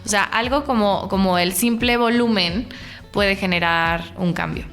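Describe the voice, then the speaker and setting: A woman talks on a casual podcast. She agrees readily and illustrates her points with everyday examples in a mid-pitched voice. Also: measured pace, fairly bright tone, soft background music.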